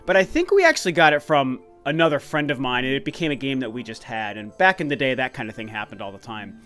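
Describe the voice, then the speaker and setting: A man in his late thirties who runs a video game channel chats casually and eagerly in a vlog, rambling with restarts and fillers. His mid-range voice is very animated, quick and fairly bright, with faint music behind him.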